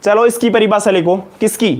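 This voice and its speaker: A man with a Rajasthani Hindi accent teaching chemistry in a live class, loudly repeating each question and calling students beta and janab. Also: sits high, steady tone, brisk. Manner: loud, emphatic, drills points by repetition. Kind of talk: live online lecture in Hindi.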